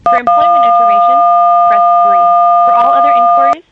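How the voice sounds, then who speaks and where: A woman's voice: high voice, fairly quick. A woman's recorded phone menu voice reading scripted prompts, played from a phone held up to a microphone. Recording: tinny phone line through a mic, loud noise.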